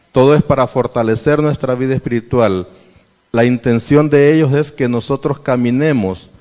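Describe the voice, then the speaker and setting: A man's voice: mid-range voice, a little mellow. Man, sermon, preaching voice, long church reverb. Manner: preaching with questions to the congregation and scripture readings. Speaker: church member addressing the congregation.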